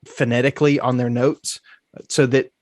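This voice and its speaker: A man's voice: mid-range voice, flat delivery, moderate pace, a little mellow, no echo, studio quality. A man co-hosting a college football podcast, chatting casually and often repeating his first words. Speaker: podcast co-host. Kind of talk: casual sports podcast chat.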